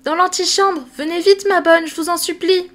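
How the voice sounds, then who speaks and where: Storybook little girl, eager and pleading, pitched high and bright above the reader's own voice, a woman puts her on. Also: moderate pace. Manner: pleading, breathless.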